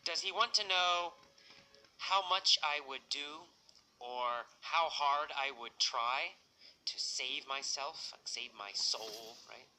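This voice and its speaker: A man's voice: mid-range voice, slow, sharp tone, a little hiss or hum, poor audio. A man teaching English through a simple story, speaking patiently and repeating with easy questions. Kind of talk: story-based language lesson.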